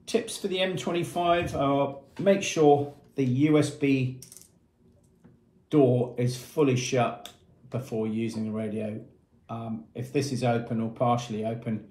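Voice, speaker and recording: This marine equipment retailer's presenter is a man in his fifties with a medium, darkish voice and fairly even intonation, in no hurry. He goes through a product plainly and methodically, using short phrases in an informal way. The small room around him, with painted block walls, sounds echoey as he sits at a table.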